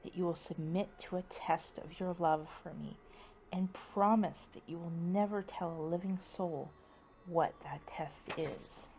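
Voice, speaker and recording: Woman acting a young maiden, storybook ghost tale, low whispery voice, secretive, commanding, playful spooky manner. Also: measured pace, a little hiss or hum, rough recording. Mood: hushed, secretive. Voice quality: whispery, hushed.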